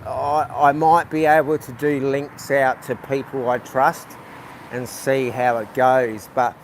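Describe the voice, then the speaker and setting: Casting note: a man streaming from a street market on his phone, halting, chatty, mid-pitched, faint street noise behind. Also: level tone. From New Zealand. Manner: rambling, halting, with many restarts. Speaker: livestreaming vlogger. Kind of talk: casual live-stream chat. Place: outdoors at a night market.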